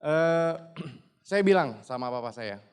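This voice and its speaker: A man's voice: a little high, lively intonation, slow pace, clear, resonant tone. A man in his twenties gives a motivational testimonial speech at a business seminar, emphatically addressing the audience again and again. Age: 20s. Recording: long hall reverb.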